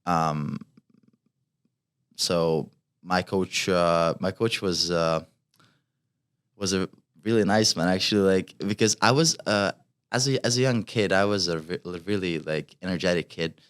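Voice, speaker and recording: Speaking unhurriedly in a deep, clean voice, this young Hungarian guest is a college fencer in his twenties. His casual interview chat carries a Hungarian accent and stumbles with frequent fillers and restarts.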